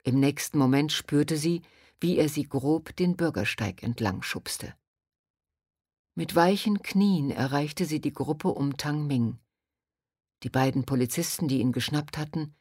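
Brief: woman audiobook narrator, low voice, dry close sound. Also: expressive, unhurried, a little mellow, no room sound.

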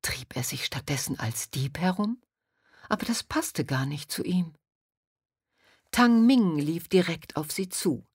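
Brief: woman audiobook narrator, low voice, dry close sound. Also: lively intonation, a little slow, a little mellow, slightly rough, no room sound.

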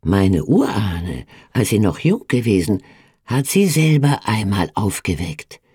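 A reader voicing a frail, gentle older village woman in a storybook reading, soft and earnest. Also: sits low, very animated, measured pace, breathy edge, no room sound, clean studio sound, heavily acted. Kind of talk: audiobook reading.

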